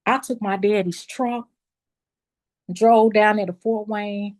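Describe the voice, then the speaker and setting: A woman's voice: mid-range voice, slow pace. Emotional woman telling her story. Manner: animated storytelling, addresses listeners as y'all. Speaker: beauty school owner.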